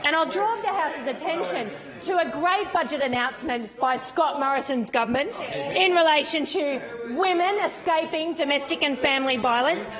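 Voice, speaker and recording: A woman's voice: high voice, moderate pace, a crowd in the background, low-quality recording. A woman with an Australian accent giving an emphatic parliamentary speech as an opposition member, repeating phrases for effect. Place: parliamentary chamber.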